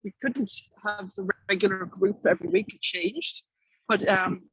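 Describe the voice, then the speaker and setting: Unhurried and husky yet fairly bright, this woman's mid-range voice comes through poor audio with no room sound. She is an artist and activist from Ireland delivering a conversational keynote, pausing, self-correcting and wandering as she goes.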